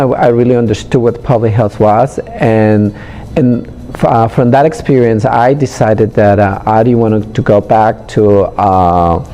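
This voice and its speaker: A middle-aged man from Honduras, answering interview questions in a hesitant way with many pauses. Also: lowish voice, dark tone. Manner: hesitant, frequent pauses and fillers. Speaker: interviewee, public health professional.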